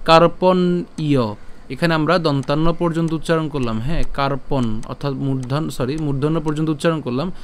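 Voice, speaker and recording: A man teaching how to pronounce a scripture verse, breaking it into syllables, repeating them slowly and answering his own questions. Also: a little high, fairly even intonation, slight background noise. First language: Bengali. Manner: asks questions then answers them himself. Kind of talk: Sanskrit verse pronunciation lesson.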